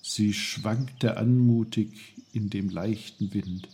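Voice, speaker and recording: A man reading a children's story aloud, calm and unhurried. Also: lowish voice, slight background noise. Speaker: narrator.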